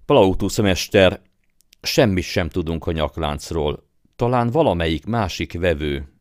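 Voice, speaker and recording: A proud young master gives cool, clipped commands, as a man reading the story puts him on. The voice is very deep, and the sound is dry and close. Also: animated, no room sound. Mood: haughty, calm. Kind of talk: audiobook character voice.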